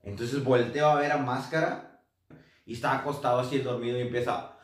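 A man's voice: mid-range voice, fairly quick. A man casually telling ghost stories from his travels, acting out what people said. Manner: relaxed anecdotal, acts out quotes. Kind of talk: casual storytelling. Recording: roomy echo.

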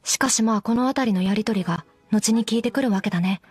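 Commentary figure: actress doing a flat emotionless undead doll girl, high voice, dry teasing. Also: fast talker, soft background music, close to an everyday voice. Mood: deadpan. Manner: teasing, dry deadpan jokes. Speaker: commentary co-host. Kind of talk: in-character anime commentary.

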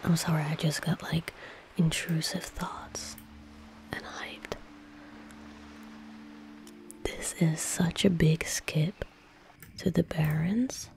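Seated at a computer indoors, this young woman comments on her game in a soft ASMR whisper, breathy and unhurried, often talking quietly to herself. The voice is deep, steady and creaky, with gentle game sounds and a little noise underneath.

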